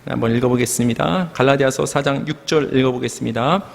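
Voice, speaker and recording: A middle-aged man, pastor of the church, preaches earnestly and fast in a creaky, mid-range voice, leading the congregation to call out together. The sanctuary gives the recording a long reverb.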